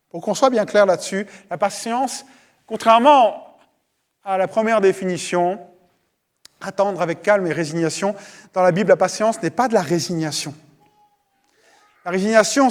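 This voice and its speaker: A man preaching a sermon at a church service, talking conversationally and straight to his listeners, often repeating words as he goes. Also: sits high. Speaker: pastor.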